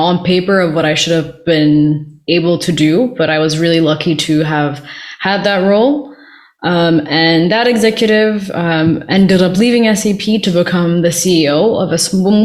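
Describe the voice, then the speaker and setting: A young woman from Ethiopia, a guest on a podcast, talking in a relaxed conversational way over a remote call. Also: lowish voice. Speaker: podcast guest, career coach. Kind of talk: casual interview conversation.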